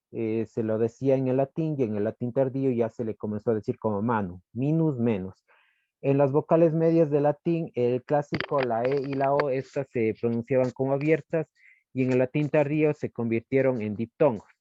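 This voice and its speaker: A man walks through a class presentation from slides, halting and hesitant as he searches for words. His voice sits in an ordinary middle pitch. The recording is dull and lo-fi, with a dry, close sound. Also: no room sound.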